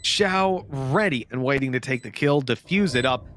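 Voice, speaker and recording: A man giving excitable play-by-play commentary on an esports match. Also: a little fast. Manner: excitable, pitch climbs sharply in big moments. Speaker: esports caster. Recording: broadcast with game noise behind.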